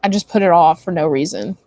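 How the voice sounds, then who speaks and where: A woman's voice: on the low side, fairly quick, darkish tone, dry recording. A tired young woman chatting casually with her stream viewers, rambling with many likes and ums. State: tired, yawning. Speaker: livestream host.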